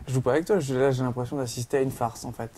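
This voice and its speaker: A man's voice: mid-range voice, steady tone, racing, dark tone, slight background noise. A man interviewing in casual talk, skeptical and a little hesitant. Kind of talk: casual conversation.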